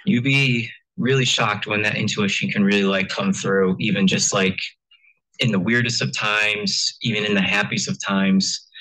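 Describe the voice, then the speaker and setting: A man's voice: on the low side, sharp tone, rough recording. A young man speaking as a guest in a church, telling personal stories in a chatty way, with constant "like" and acted-out quotes. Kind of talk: casual storytelling talk.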